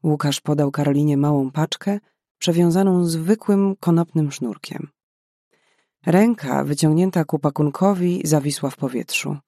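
A man narrating an audiobook in a measured, expressive way. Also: fairly high pitch, no echo, clean studio sound. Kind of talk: scripted narration.

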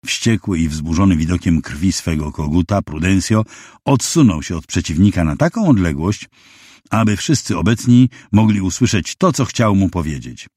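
A man reading a novel aloud as an audiobook narrator, measured and expressive storytelling on a close mic. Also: low voice, slightly rough, dry recording. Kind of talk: scripted literary narration.

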